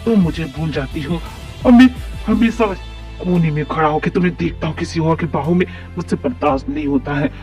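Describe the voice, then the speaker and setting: This is a voice actor playing a young man worn down by being forgotten, swinging between cold dismissal and raw pleading. The voice sits at an ordinary pitch and sounds distant from the mic. Soft music plays under him in this fan-made audio drama. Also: animated, a little fast, creaky. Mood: anguished. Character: young man, wounded and bitter, then tender lover.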